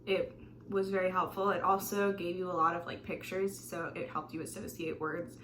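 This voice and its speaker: Her voice sits on the low side and moves at a moderate pace, with a little hiss or hum in the audio. Indoors in a small bedroom, this young woman vlogger shares chatty, self-deprecating tips to camera, full of laughs and asides.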